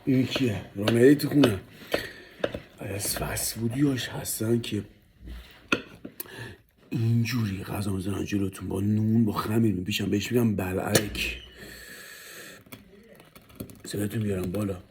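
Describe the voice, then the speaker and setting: Talking straight to his viewers, a man vlogs about his food in a hyped, playful, casual style, at times dropping to a whisper over the dish. His fairly low voice stays fairly even in intonation, he pauses often, and there's background noise.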